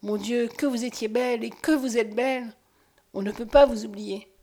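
A woman's voice: fairly high pitch, steady tone, normal speed, a little mellow. A woman reading the part of a man who has lost his memory, speaking earnestly and with passion in a storybook reading. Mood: pleading. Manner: earnest, impassioned. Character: haunted man with lost memory, pleading and intense.

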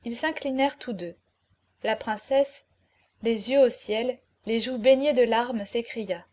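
Woman reading an old novel aloud, fairly high voice, goes quiet on the "he said" bits. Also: unhurried. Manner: dropping quietly on speech tags. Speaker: audiobook narrator. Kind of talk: scripted narration of a classic novel.

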